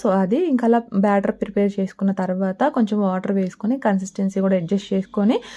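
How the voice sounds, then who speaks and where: A woman's voice: medium pitch, mellow. A woman giving a casual cooking voice-over, chatting politely with her viewers. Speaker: cooking vlogger.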